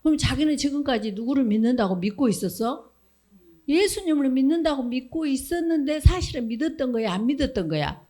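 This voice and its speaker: Lively woman preaching to children. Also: sits high, a little fast. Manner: animated question-and-answer with children, acts out voices. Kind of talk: Sunday school sermon.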